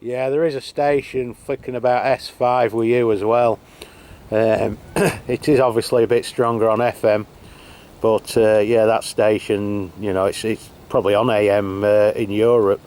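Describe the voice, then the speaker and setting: A man with a lowish voice and moderate pace hosts a CB radio test for his channel outdoors on a rainy hilltop. Holding a handheld radio, he's caught on a camera mic, relaxed and hesitant, with lots of filler words.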